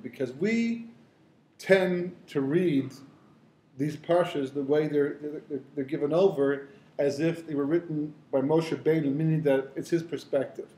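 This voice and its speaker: Rabbi giving a conversational Torah lecture. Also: male voice, on the high side, mellow, echoey room. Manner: conversational, storytelling, many fillers and asides. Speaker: rabbi teaching the weekly Torah portion.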